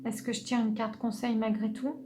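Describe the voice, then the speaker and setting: A woman giving an unscripted tarot reading, speaking gently and hesitantly, with many restarts. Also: a little high, little pitch movement, moderate pace, over music. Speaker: tarot reader.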